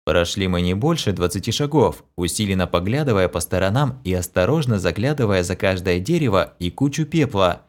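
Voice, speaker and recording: A man reading a first-person novel aloud as an expressive audiobook narrator. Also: deep voice, brisk, hardly any pauses. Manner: expressive storytelling.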